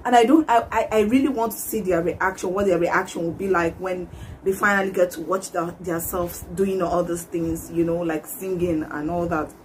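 A woman's voice: fairly low pitch, fairly even intonation, moderate pace, a little mellow, slight background noise. A young woman, chatting casually and laughing often as she hosts a reaction vlog from a small indoor room. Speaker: YouTube reaction vlogger. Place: small indoor room, patterned wall backdrop.

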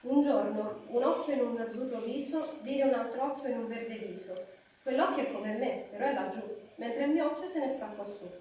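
An anxious little hobbit speaks up eagerly and earnestly, played by a woman. The voice sits a touch high and echoes around a large hall, far from the mic. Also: normal speed, mellow, natural voice. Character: anxious small male hobbit, polite but quick-witted. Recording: echoey hall, distant mic, faint noise.

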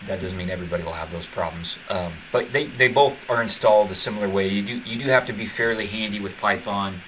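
A man hosting a casual software tutorial, talking in a halting, relaxed way with lots of fillers and restarts. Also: lowish voice, slight background noise, poor audio. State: burping from tea. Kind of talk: casual screen-share tutorial.

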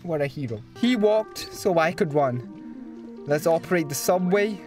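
Animated, sweary male gamer. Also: on the high side, measured pace. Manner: playful, sweary, exclamatory. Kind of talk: casual gameplay commentary. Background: game music.

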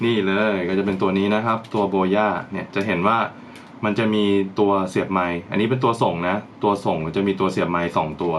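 A man's voice: low-pitched, steady tone, brisk, slight background noise. A man talking casually as he unboxes and tries out gear for his channel, thinking aloud as he goes. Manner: chatty, thinks aloud while handling gear. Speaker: vlogger reviewing gear.

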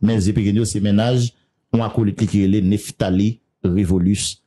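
A man hosts a gossip news segment, chatting loosely and laughing between the details he reads out. His voice sits low, with a dark, mellow tone. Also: fairly even intonation, normal speed. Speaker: news show host.

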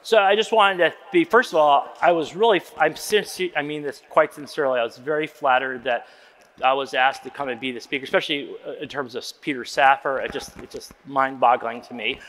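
A man in his sixties gives an informal, rambling, self-deprecating keynote talk from an auditorium stage. His mid-range voice is brisk and fairly bright, and the recording carries long hall reverb.

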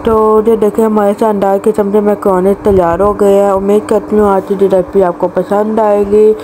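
A woman's voice: mid-range voice, flat delivery, moderate pace. Woman, cooking-channel host, step-by-step recipe voice-over, small restarts, noisy home kitchen recording.

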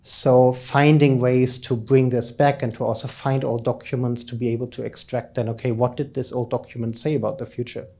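A middle-aged academic researcher gives an informal, explanatory keynote at a lectern in an indoor conference lecture room, using a handheld microphone. His warm, mid-range voice moves little in pitch and stays brisk, with few pauses.

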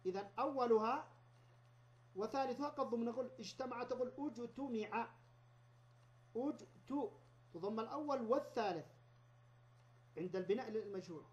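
A man lecturing on grammar at university level, explaining step by step and repeating example words slowly. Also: very high voice. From Yemen. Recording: dull lo-fi lecture recording.

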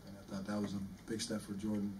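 A man in his forties, a head basketball coach, answering postgame press questions in a measured way and often repeating words while he thinks. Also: fairly low pitch, completely flat delivery, darkish tone. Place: press room in front of a sponsor backdrop. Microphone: table microphone, recorded from the room. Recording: distant room mic with faint noise.

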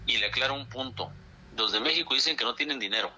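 A man from Chihuahua, Mexico, who heads a dairy farmers' group, speaks quickly in a bright, forceful, medium-pitched voice during a telephone interview. Indignant and insistent, he repeats his points for emphasis, with slight background noise on the line.

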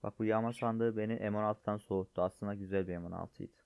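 Gravelly yet clear and resonant, a man's lowish voice moves fast with fairly even intonation as he shows off game items. He sounds sick and strained but stays chatty, addressing viewers as friends in casual YouTube gameplay commentary, recorded dry and lo-fi with a dull tone.

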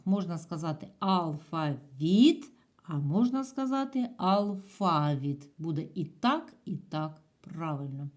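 A woman gives a video lesson to young schoolchildren, patient and clear. Her voice is mellow and slightly low. Her pitch swings widely in a sing-song teaching manner. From Ukraine.

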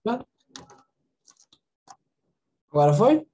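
A woman teaching English in an online class from a Brazilian Portuguese accent, explaining pronunciation slowly and checking in with her students. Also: medium pitch, big pitch swings, warm tone, slight background noise, rough recording. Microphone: video call.

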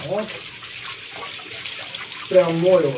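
A woman's voice: lowish voice, steady tone, very slow, heavy background noise. A woman chatting casually at home as a family vlogger, explaining what she does as she goes and often restarting her sentences. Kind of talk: casual home vlog narration.

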